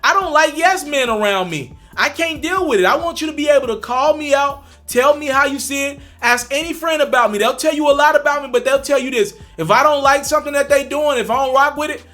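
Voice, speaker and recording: A young commentary host speaks to camera a little fast with hardly any pauses, his very high voice bright and forceful over faint music. He talks right to his viewers, emphatic and repeating himself for emphasis.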